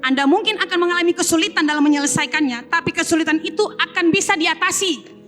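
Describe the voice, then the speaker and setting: Woman, pastor, impassioned sermon, high voice, soft instrument in the background. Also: fast, soft background music. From Eastern Indonesia. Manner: impassioned, rising to high emphatic calls. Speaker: assistant pastor. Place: church.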